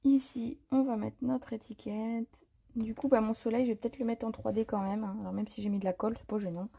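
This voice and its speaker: A woman with a fairly high, husky and mellow voice leads a live card-making tutorial. She chats loosely as she works, full of little fillers and self-corrections, sounding unscripted and at ease. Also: a little fast. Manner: chatty and relaxed, many fillers and self-corrections. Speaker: craft demonstrator hosting a live stream. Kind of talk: live paper-craft tutorial, improvised chat.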